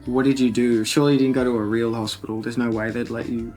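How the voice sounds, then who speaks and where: A man's voice: medium pitch, level tone, fast, a little mellow, soft background music. An Australian man speaking as a filmmaker in a behind-the-scenes interview.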